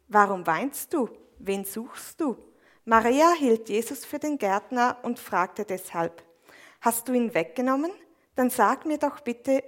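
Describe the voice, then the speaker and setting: Woman reading scripture, slightly high. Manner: measured, even reading with small slips. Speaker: scripture reader and interpreter. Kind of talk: reading scripture aloud, then interpreting a sermon.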